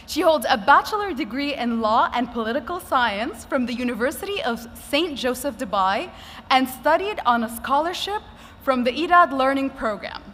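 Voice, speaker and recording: A woman's voice: high-pitched, animated, moderate pace, fairly bright tone. A woman giving a scripted podium speech as event host, with a formal, emphatic announcer delivery. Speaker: event host, master of ceremonies. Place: conference hall stage at an expo. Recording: echoey hall with clear background noise.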